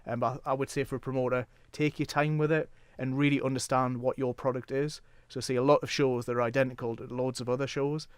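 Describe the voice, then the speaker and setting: A man's voice: medium pitch, level tone, fast talker, hardly any pauses, clear, resonant tone, dry recording. A man with a North East English accent chatting casually as an interview guest, explaining things plainly step by step. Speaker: guest, wrestling promoter.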